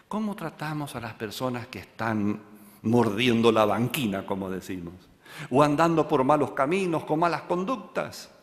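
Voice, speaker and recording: A medium-pitched pastor preaches a sermon, acting out a story as he shifts from loud passages to hushed ones. His voice trails off into a long reverb tail.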